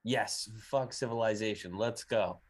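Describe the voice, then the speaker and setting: A man's voice: on the low side, measured pace, noisy background. A man chatting casually as a player in a tabletop game, slipping in and out of character.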